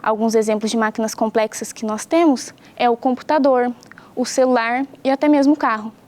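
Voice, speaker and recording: A young woman teacher from Brazil, giving a patient home science lesson that explains things clearly and asks the pupils questions. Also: on the high side, steady tone, fairly quick, darkish tone.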